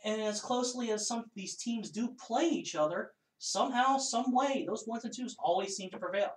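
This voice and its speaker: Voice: medium pitch, moderate pace. A co-host in a casual sports chat, chatty and full of filler phrases. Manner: chatty, lots of "you know". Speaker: podcast co-host. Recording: roomy echo.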